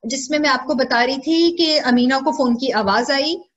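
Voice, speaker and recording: Over a video call, a woman teacher with a Pakistani Urdu accent tells a story to young pupils in an online class, repeating lines back to them as questions. Her voice is high-pitched and a bit bright at a moderate pace, and the recording sounds muffled.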